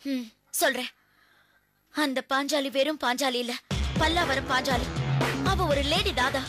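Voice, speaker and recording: A woman's voice: sits high, unhurried. A resolute, wronged policewoman. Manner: steady, explaining, vowing revenge. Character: wronged woman police officer, calm and resolute. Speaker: police officer, under arrest. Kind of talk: TV serial drama acting. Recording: loud background music score.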